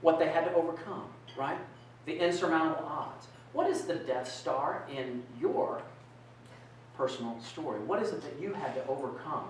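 Speaking at normal speed in a slightly high voice, a middle-aged keynote speaker animatedly quizzes his audience in an indoor conference room with a projector screen. There's no mic, only a distant camera, which leaves the recording echoey with a faint hiss or hum.

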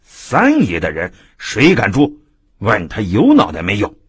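A man's voice: lowish voice, huge pitch swings, unhurried, slightly rough, no echo, studio quality, exaggerated voice. A man doing a gloating bully constable. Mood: menacing. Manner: loud, gloating, threatening. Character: swaggering male bully constable, coarse and menacing.

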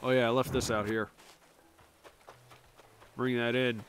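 Speaking at a measured pace with little pitch variation, this male streamer has a fairly bright, medium-pitched voice over slight hiss or hum. He casually jokes through his game, sniffling from allergies and chatting with himself and the characters.

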